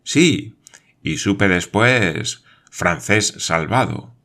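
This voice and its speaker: A man's voice: low voice, lively intonation, drawn-out words, fairly bright tone, full character voice. A man reading aloud voices a stubborn, insistent frontier sergeant in a storybook, talking emphatically and firmly.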